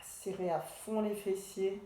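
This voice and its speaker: A woman leading a pilates class, calmly cueing each movement and breath step by step. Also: mid-range voice, slow, background noise. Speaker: pilates instructor. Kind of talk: guided exercise class instruction. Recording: echoey room.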